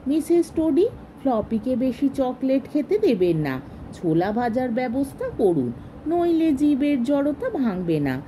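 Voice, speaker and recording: A woman's voice: high voice, sing-song, measured pace, dark tone, slight background noise, rough recording. A woman doing a naive eager society lady.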